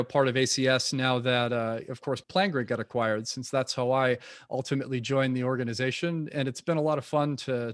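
A man's voice: mid-range voice, a bit bright, dry recording, clean studio sound. A man hosting a podcast interview, reading his introductions and asking questions in a friendly way, with a few restarts. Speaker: podcast host.

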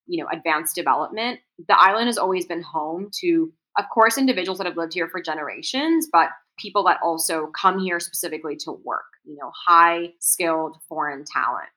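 This woman's voice sits on the low side, and she talks a little fast and animated, barely pausing, with a bright, forceful tone over poor audio. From Singapore but with an American accent, she tells reflective personal stories in an interview. She's earnest and articulate, sprinkling in plenty of "right?" and "um."

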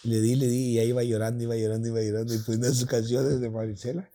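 A man with a Mexican Spanish accent tells a personal story in casual conversation, speaking rapid-fire in a mid-range voice. He's animated, swears freely and acts out the voices of the people involved.

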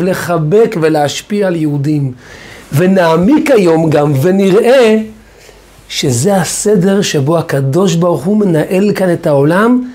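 A man's voice: high-pitched, mellow. A man, a rabbi, teaching a religious lesson in a storytelling way, often stressing words by repeating them. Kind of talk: Torah lesson.

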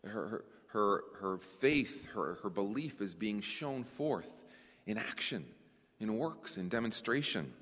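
A man preaching a conference sermon to brothers and sisters, animated, often repeating words as he searches for the phrasing. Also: fairly low pitch, takes it slowly. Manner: addresses listeners as brothers and sisters. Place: conference hall. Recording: long hall reverb.

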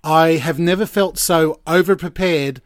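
A man's voice: on the high side, no echo, studio quality. An Australian man in his forties from Queensland, chatting casually as a podcast guest, often restarting his sentences. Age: 40s. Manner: chatty, halting and self-interrupting. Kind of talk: casual chat.

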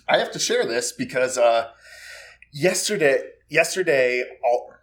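Studio chat: thirties man, bright, swinging voice, animated storyteller who laughs a lot. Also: medium pitch, slow. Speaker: podcast cast member. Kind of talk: casual chat. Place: podcast studio.

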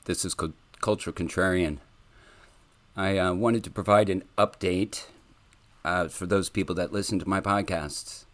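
Earnest low-voiced man podcasting. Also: fairly even intonation, normal speed, fairly bright tone. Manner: earnest and legalistic, with frequent restarts. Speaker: podcast host. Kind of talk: solo podcast monologue.

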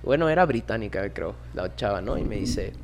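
A man in his twenties with a Mexican accent, a podcast guest telling a story in casual chat, animated, slangy and swearing often. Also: lowish voice, fairly quick. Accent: Mexican Spanish. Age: 20s.

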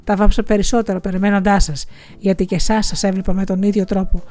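A woman reading as a widowed village schoolteacher pouring out a bitter, quiet confession in an audiobook. Her voice sits at a middling pitch with a mellow, dark tone, and faint music plays underneath. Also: little pitch movement, close to an everyday voice. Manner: quiet confessional, tearful, resentful.

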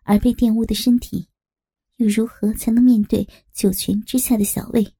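A woman narrating a crime audiobook, telling the story in a steady, dramatic way. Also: fairly high pitch, normal speed, slightly rough.

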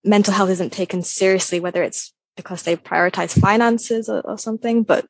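A woman's voice: medium pitch, fairly quick, dry recording, low-quality recording. A young woman in her twenties in a casual discussion, talking hesitantly and saying "like" a lot. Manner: hesitant, full of "like".

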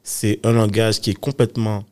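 A man interviewing a guest in casual conversation, curious and quick to react and sum up what he hears. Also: on the low side, level tone, dark tone, clear, resonant tone.

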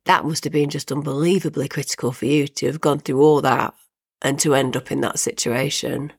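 A woman's voice: a bass voice, steady tone, fairly quick, vocal fry, husky, no echo. A woman talks as an interviewer in a conversational, empathetic style. Her voice is recorded dry, with hardly any room reflection.

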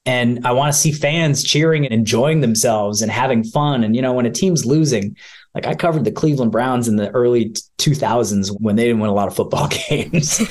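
A man's voice: medium pitch, brisk. Chatty middle-aged sportscaster, a man. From Ohio, USA. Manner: chatty, warm storytelling with laughs. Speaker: sportscaster guest. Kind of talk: casual interview conversation.

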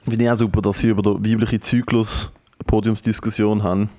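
A young man with a Swiss German accent, co-hosting a podcast in casual, teasing banter, animated and given to exaggeration. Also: lowish voice, fast talker. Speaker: podcast co-host.

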